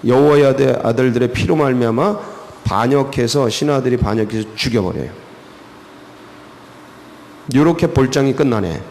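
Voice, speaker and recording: Male pastor, animated dawn sermon, gravelly tone, reverberant sanctuary. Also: mid-range voice, moderate pace, pauses often. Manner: animated, rhetorical questions, colloquial. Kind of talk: early-morning sermon. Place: church sanctuary.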